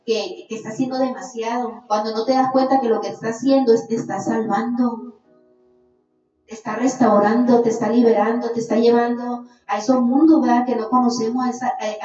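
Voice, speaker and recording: A woman giving an earnest religious testimony as a podcast guest, warmly calling the listener "little brother". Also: a little high. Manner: earnest, calls listener "hermanito". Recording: echoey, distant, dull lo-fi sound.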